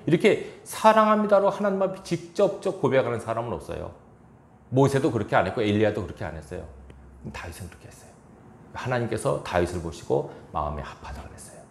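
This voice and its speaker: A man's voice: medium pitch, creaky, roomy sound. A man pastor preaching a sermon in a church, chuckling now and then and acting out quoted lines. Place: church sanctuary.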